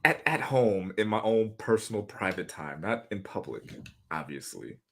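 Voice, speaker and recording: A man's voice: lowish voice, sing-song, moderate pace, fairly bright tone, slight background noise. A man appearing as a guest on a casual sports podcast, talking in a laid-back, rambling, self-conscious way.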